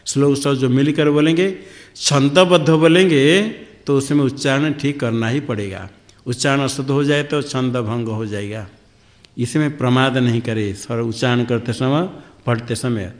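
Male swami teaching scripture, mid-pitched, repeats words slowly and chants Sanskrit verses. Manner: slow, repeats words to drill Sanskrit pronunciation. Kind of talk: spiritual discourse.

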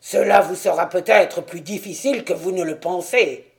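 A man's voice: high-pitched, moderate pace, vocal fry. A man reading the part of a stout, self-assured police detective who speaks in an important, sour tone.

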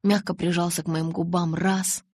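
A woman narrating an audiobook in an expressive storytelling manner, close to the mic. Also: on the low side, moderate pace, gravelly, breathy edge, no room sound.

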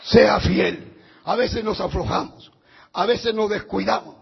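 A man preaching a sermon as pastor, fervent and often shouting, heard on a dull lo-fi recording. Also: high-pitched, moderate pace, creaky, a little hiss or hum.

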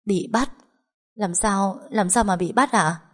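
A woman's voice: medium pitch, slow, a bit bright, voice pushed up. Woman voicing an anxious young wife. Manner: anxious, urgent questioning. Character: worried young married daughter, caring peacemaker.

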